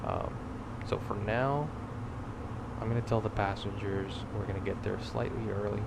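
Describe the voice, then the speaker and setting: A young man chatting casually as he plays pilot on a simulated flight, with loud engine rumble around him. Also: flat delivery, normal speed, creaky. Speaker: flight simulator streamer acting as airline pilot. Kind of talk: casual chat while flying a simulated flight.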